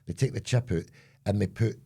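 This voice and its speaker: A man's voice: fairly low pitch, fairly quick, dark tone, breathy edge. An older man with a Scottish accent, co-hosting a casual comedy chat, joking, swearing and slipping into mock voices. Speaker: co-host.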